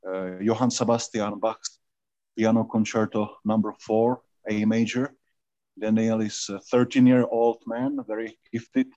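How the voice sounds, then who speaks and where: Low-voiced man from Czechia, halting. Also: a little mellow, no echo, muffled recording. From Czech Republic. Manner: halting, many uh fillers, non-native phrasing. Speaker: orchestra artistic director. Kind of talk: interview on a video call. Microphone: video call.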